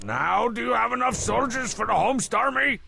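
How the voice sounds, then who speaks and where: An actor playing a cocky, scheming little cartoon tough guy with a gravelly, sarcastic, blustery voice in a video game. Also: very high voice, animated, normal speed, sharp tone, slight background noise, exaggerated voice.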